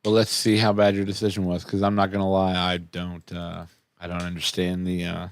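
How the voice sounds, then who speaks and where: A man's voice: sits low, monotone, brisk. A man co-hosting a podcast in casual chat, rambling and swearing, with frequent restarts. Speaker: podcast co-host.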